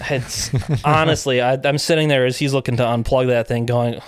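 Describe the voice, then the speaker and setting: This podcast guest chats casually, spinning lively tales from events and playing out quoted exchanges with laughter. His voice is mid-range, brisk and smooth.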